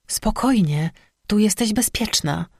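Man voicing a calm monster hunter, terse, commanding, steady, dry close sound. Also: sits high, slow pace, vocal fry, no echo, pitched above the performer's own voice, full character voice. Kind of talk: audiobook character voice.

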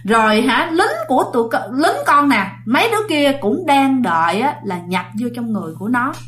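A dead young soldier's ghost, blunt and scolding as he speaks through the man he has taken over, voiced by a woman. The voice sits a little high. It is pitched as a spoken ghost story. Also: sing-song, brisk, a bit bright. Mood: pleading. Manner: blunt, scolding, rough-talking.

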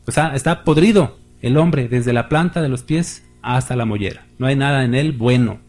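A man's voice: mid-range voice, normal speed, a little mellow. A male pastor preaching a sermon, reading scripture aloud with rising emphasis and speaking directly to the congregation.

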